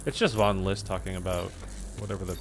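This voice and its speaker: A man's voice: deep voice, steady tone, brisk. A man giving rambling, offhand gameplay commentary as a casual streamer. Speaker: gaming streamer. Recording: clear background noise from game.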